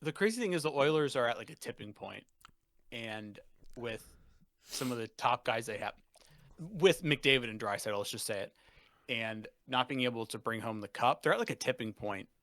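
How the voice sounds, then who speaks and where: A man's voice: medium pitch, lively intonation, normal speed, a bit bright, no room sound. A young man co-hosting a casual sports podcast, ranting and swearing with fired-up energy. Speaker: podcast co-host.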